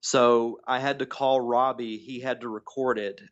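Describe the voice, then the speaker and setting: A man's voice: mid-range voice, flat delivery, moderate pace. A man co-hosting a casual podcast, calling in by phone so his voice sounds tinny and metallic, chatting eagerly like a fan. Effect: tinny phone-line sound. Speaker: podcast co-host. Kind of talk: casual chat. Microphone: phone call. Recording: dull lo-fi phone line.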